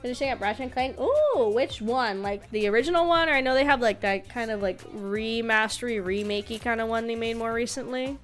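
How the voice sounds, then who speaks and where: A woman's voice: a little high, lively intonation, fairly quick, hardly any pauses, soft background music. A woman game streamer chatting casually and playfully, with a cute, bubbly anime-streamer delivery. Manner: playful, chatty, repeats words. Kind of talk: casual livestream chat.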